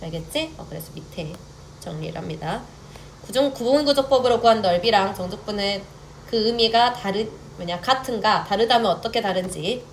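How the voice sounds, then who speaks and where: In this math lecture, a young woman with a medium-pitched voice works through formulas at a moderate pace over slight background noise. She frequently checks that students are keeping up, shifting between polite and casual phrasing.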